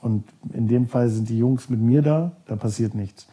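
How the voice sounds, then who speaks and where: A man from Germany speaks as a guest on a podcast. His voice is very dark and a little husky. He tells his stories loosely and rambles, often stopping to search for the right word. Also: medium pitch, normal speed. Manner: rambling, searches for words, many fillers. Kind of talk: casual storytelling.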